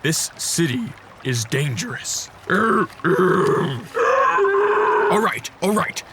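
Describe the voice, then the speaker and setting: An actor playing Dracula, an earnest, commanding vampire leader, in a serialized radio drama with grave, measured speech. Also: male voice, on the high side, sing-song, a little hiss or hum, exaggerated voice. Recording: loud music bed behind voice.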